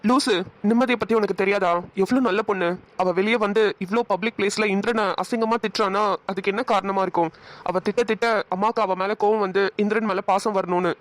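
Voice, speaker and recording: A performer voicing a sensible young husband in a cartoon, laying out his reasoning quickly. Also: mid-range voice, fairly even intonation, dry recording, natural voice. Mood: explaining. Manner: quick, explaining. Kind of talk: cartoon voice acting.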